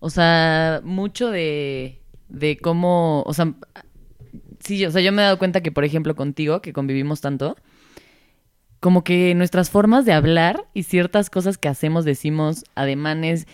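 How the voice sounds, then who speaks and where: Young Mexican woman co-host, rambly and giggly, smooth lowish voice. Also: normal speed, darkish tone, no echo, studio quality. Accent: Mexican Spanish. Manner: rambling, many fillers, giggly. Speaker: podcast co-host. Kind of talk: casual chat.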